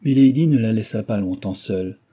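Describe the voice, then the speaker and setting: A man reading a classic novel aloud as audiobook narrator in a measured, even way. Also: fairly low pitch, slightly rough. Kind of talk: scripted narration.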